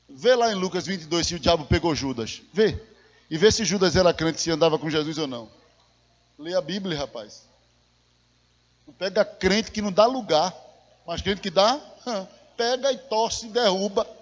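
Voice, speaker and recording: A man's voice: high voice, expressive, normal speed, long pauses. A man preaching a sermon as an evangelist, telling a story with animation and calling his listeners brother. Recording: reverberant hall, muffled lo-fi sound.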